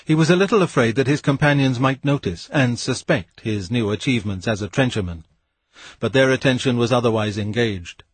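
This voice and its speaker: A man reading a novel aloud as an audiobook narrator, in a measured, steady way. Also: mid-range voice, husky, dry recording. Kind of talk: scripted narration.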